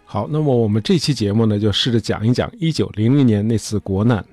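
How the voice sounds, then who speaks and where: A man's voice: fairly low pitch, fast talker, darkish tone, dry recording, soft background music. A man hosting a history show, telling events in a chatty, casual way with many fillers.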